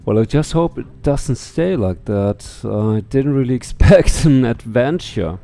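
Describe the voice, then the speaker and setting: A middle-aged man, expressive and unhurried, uses a dark, mid-range voice to comment casually on a game he's playing and read its on-screen text. He's indoors in a small room at home on a headset microphone, with the game's music faintly audible.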